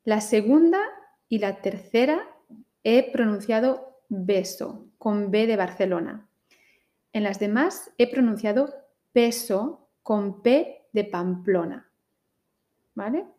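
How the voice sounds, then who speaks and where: Slow, careful Spanish woman teacher. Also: medium pitch, mellow. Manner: very slow, carefully articulated minimal pairs. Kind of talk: slow, deliberate listening-drill teaching.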